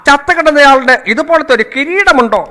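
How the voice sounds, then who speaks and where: A pompous, bumbling king, played by a man, speaks in a very high, bright voice. He swings his pitch all over while delivering puns in a comedy skit. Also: animated, brisk. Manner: pompous, punning, exaggerated. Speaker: comic performer playing a king.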